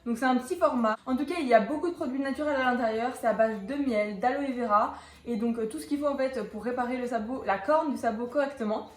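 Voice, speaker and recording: A young woman with a fairly high pitch talks fast through a casual product review for her equestrian vlog, her chatter peppered with hesitations and restarts. The recording is reverberant.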